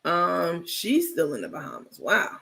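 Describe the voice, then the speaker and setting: A man hosting a live stream, casually gossiping and reacting to his viewers' chat in an animated, blunt, talkative way. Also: sits high, unhurried, creaky. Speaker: livestream host.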